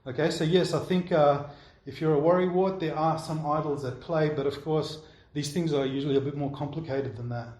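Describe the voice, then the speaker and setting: A man with a somewhat high voice preaches in a relaxed, conversational way, often pausing to check in with his listeners. His voice carries a roomy echo from a church hall. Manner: conversational, keeps checking in with "all right?". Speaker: pastor. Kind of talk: sermon answering congregation questions.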